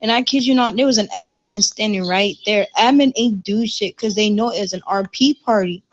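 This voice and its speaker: A woman's voice: mid-range voice, normal speed, highs cut off. A woman in roleplay voice chat, heatedly retelling an argument with plenty of profanity.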